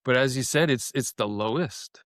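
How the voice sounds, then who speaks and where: A man's voice: medium pitch, moderate pace, a bit bright, no echo, clean studio sound. A man in his fifties from Canada, talking reflectively as a podcast guest and often repeating a word as he starts a thought. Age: 50s. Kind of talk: casual conversation.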